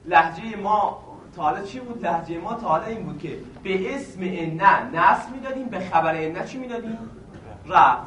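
A man with a high voice teaches a grammar lesson to a seminary class. He asks his students questions and answers them himself, going over each point again and again. He sounds set back from the microphone in a roomy, echoing space, with a faint hiss of noise behind him. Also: fairly bright tone, muffled recording. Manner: repeats each point patiently. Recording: echoey room, mic at a distance, faint noise.

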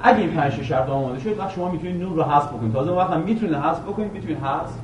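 A male teacher giving a classroom grammar lesson, quizzing his students with questions and reciting a verse slowly again and again. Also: a little high, noisy background. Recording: echoey room, voice from a distance.

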